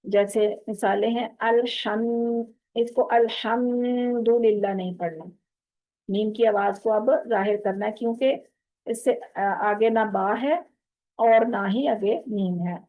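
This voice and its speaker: A woman's voice: mid-range voice, phone-quality sound. A woman with a Pakistani Urdu accent teaching Quran recitation rules online, explaining patiently and quizzing her students. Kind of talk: online tajweed lesson to women students.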